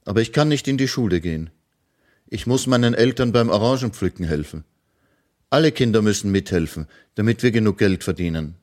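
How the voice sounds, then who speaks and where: Guy doing a little working boy, talks fast, kinda higher. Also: expressive, darkish tone, lightly acted. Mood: matter-of-fact. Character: hardworking young boy who picks fruit.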